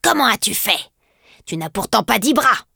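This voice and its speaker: A woman's voice: fairly high pitch, very animated, moderate pace, creaky, bright, forceful tone, dry recording, clean studio sound, voice pushed up, heavily acted. Baba Yaga, a woman doing a menacing old witch. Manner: growling threats. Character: old child-eating forest witch, gruff and menacing.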